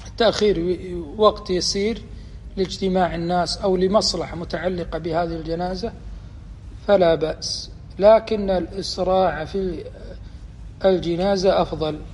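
A man teaching a religious lesson, explaining deliberately and quizzing his students as he goes. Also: high voice, fairly even intonation, a little mellow, a little hiss or hum. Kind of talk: explanatory lecture. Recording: long reverb, faint ambience.

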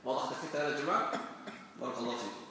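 A man teaching Arabic grammar to a class, lively and quizzing his students with questions. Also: medium pitch, rapid-fire. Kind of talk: classroom lesson. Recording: echoey hall, recorded from far off.

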